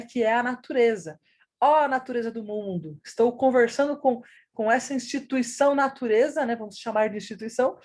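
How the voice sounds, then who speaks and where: A woman's voice: high-pitched, a little mellow. A woman, teaching a recorded grammar lesson and explaining patiently with rhetorical questions.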